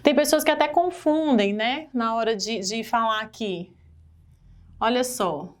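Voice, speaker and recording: Brazilian woman, exam-prep grammar teacher, animated and questioning, slightly high-pitched. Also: measured pace. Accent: Brazilian Portuguese. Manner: animated, asks the class questions and stresses key words.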